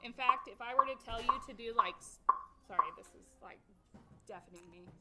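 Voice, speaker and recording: A woman's voice: a little high, fairly quick, very noisy. A woman teaching a violin sectional, counting students in and singing the rhythms aloud. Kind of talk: group music class instruction. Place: music classroom with students playing. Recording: loud violin playing behind the voice. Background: violins playing loudly.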